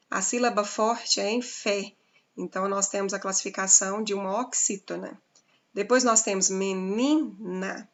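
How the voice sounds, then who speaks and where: With a mid-range, fairly bright voice, a Brazilian woman teaches Portuguese grammar to her class. She goes slowly and step by step, spelling out examples and often checking in with "né?"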